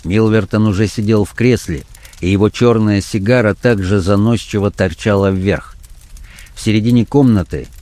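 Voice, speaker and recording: A man narrating an audiobook in a measured, even reading. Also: fairly low pitch, dry recording.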